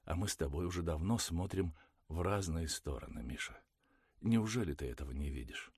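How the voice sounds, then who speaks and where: A tired young woman near tears, pleading softly in a husky low tone over a dry close mic, as a male audiobook reader puts her on. she sounds worn out and pleading rather than angry. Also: lively intonation, fairly quick, dry recording. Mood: resigned. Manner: pleading, plaintive, quiet. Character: weary tearful young woman, tired of quarrels.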